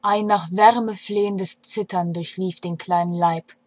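Breathy woman reading a story aloud. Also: lowish voice, unhurried. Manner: expressive, with swings between hushed and loud passages. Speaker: narrator. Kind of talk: scripted storybook narration.

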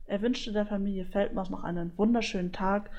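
A woman narrates an animal tale in a calm, even storybook voice. Her pitch sits in the middle range and the reading stays steady. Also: a little fast, highs cut off.

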